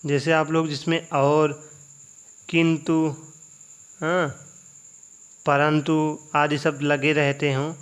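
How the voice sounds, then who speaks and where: A man's voice: fairly high pitch, flat delivery, takes it slowly, long pauses. Man teaching an exam revision class. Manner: repeats questions and answers them himself; asks students rhetorical check questions.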